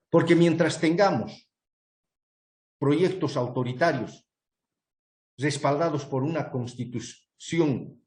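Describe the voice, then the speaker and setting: Man, guest panelist, earnest and argumentative, fillers and restarts, echoey room. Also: medium pitch. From Bolivia. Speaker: guest speaker presenting a proposal. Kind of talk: online panel talk.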